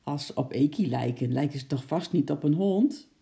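A woman's voice: low voice, animated, normal speed, gravelly, warm tone. A woman reading aloud, voicing an impatient, curious young girl.

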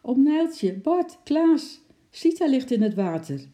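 Woman doing a shrill frightened little girl. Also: fairly even intonation, normal speed, mellow, natural voice. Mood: panicked. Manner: urgent, shrill calls for help. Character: frightened young girl at a zoo.

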